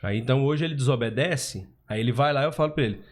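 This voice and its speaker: Fast-talking man. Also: mid-range voice. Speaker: guest. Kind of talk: casual podcast chat.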